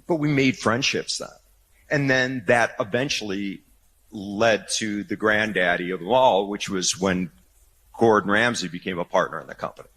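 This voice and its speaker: Brief: male CEO guest, slightly rough voice, casual anecdote-telling with quoted dialogue. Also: fairly low pitch, moderate pace, a bit bright, low-quality recording. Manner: chatty, many restarts, acts out quoted dialogue. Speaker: company founder and CEO, guest. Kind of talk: casual interview storytelling.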